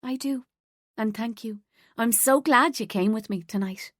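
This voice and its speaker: Female narrator voicing an earnest, naive young woman, pitched up, bright and pleading. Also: a little slow, dry recording, studio quality.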